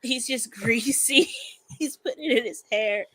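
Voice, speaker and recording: Bright, sarcastic podcast woman. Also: fairly high pitch, unhurried, breathy edge, dry recording. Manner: sarcastic, laughs often. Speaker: podcast co-host. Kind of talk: casual chat.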